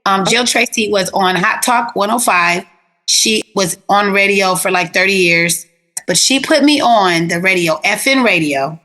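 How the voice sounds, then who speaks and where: A woman therapist talks through stories in a relaxed interview with a bright, forward voice. She is animated and chatty, leaning on easy slang, and her pitch sits in an ordinary middle range. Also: unhurried. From South Florida. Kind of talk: casual interview storytelling.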